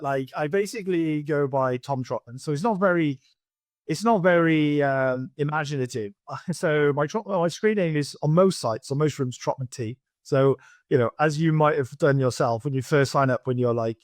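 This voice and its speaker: This podcast guest is a poker pro from Wales, a man in his forties whose fairly high voice moves at a normal speed. His talk is loose and rambling, full of fillers and restarts, with frequent laughter, and the studio sound is clean without echo.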